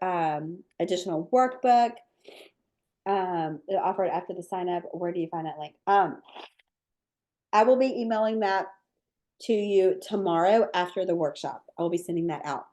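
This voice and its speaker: Fielding questions from viewers in a live webinar, this cookie decorating teacher speaks in a low voice. Her style is laid-back and talkative, sprinkled heavily with ums and likes.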